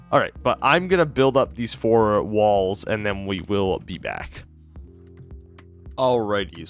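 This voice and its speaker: A sick, tired man rambling through casual gameplay commentary as he builds, slurring some words. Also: on the low side. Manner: rambling, self-correcting, relaxed. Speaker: Minecraft series host.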